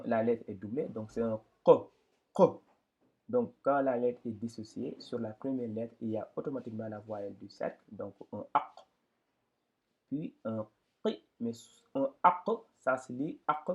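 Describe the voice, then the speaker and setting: A man teaching a step-by-step reading lesson, patiently explaining and drawing out syllables slowly and loudly for students to repeat. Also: on the low side, husky. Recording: dull lo-fi recording.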